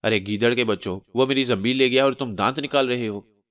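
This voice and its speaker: A man voicing a skinny, panicky male trickster who shouts in flustered bursts. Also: medium pitch, fairly quick, no echo, clean studio sound, lightly acted.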